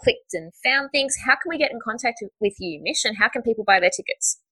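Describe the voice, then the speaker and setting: A woman's voice: on the high side, lively intonation, brisk, pushed and bright, low-quality recording. A woman hosting a podcast, upbeat and effusive, laughing easily as she talks with her guest. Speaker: podcast host. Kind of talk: casual interview talk.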